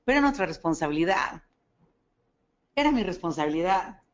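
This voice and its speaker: A woman with a Mexican Spanish accent giving a motivational talk on network marketing, animated and acting out dialogue as she tells stories. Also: lowish voice, normal speed. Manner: animated storytelling, acts out dialogue, asks listeners for agreement. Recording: dull lo-fi recording.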